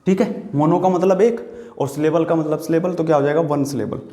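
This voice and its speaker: A man's voice: a little high, a little fast, dark tone, roomy sound. A man with an Indian accent teaching exam-prep vocabulary, explaining patiently, repeating words and asking the viewer questions. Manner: writes on a board while talking.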